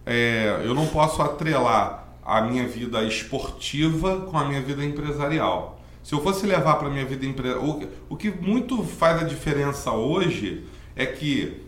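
A man in his 40s who owns a driving school appears as a podcast guest, telling his life story in a rambling, earnest manner full of filler tags. His mid-range voice is expressive, a bit bright, and slightly slow, and the podcast room sounds roomy.

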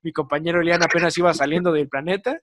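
A young Mexican man chats as a podcast host in fast, slang-heavy speech, with a voice sitting a little high for a man. He tells his stories with animated energy. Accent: Mexican Spanish. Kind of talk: casual chat.

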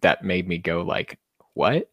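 A man's voice: fairly low pitch, moderate pace, no echo, dull audio. A young man co-hosting a podcast in casual chat, rambling and self-deprecating with many restarts. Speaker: podcast co-host.

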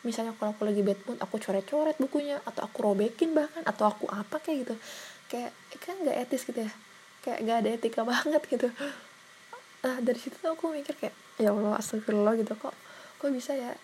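A woman's voice: fairly high pitch, fast talker, a little hiss or hum. A young woman talking to herself in a casual, reflective way, often sliding into a whisper and repeating her questions. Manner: soft-spoken, drifting into whispers, filler-heavy and self-questioning.

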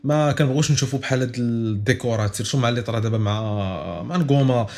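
A man's voice: mid-range voice, racing, a little mellow. A man with a Moroccan accent hosting a casual football podcast, talkative and insistent, slipping in French words. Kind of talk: casual sports podcast chat mixing in French.

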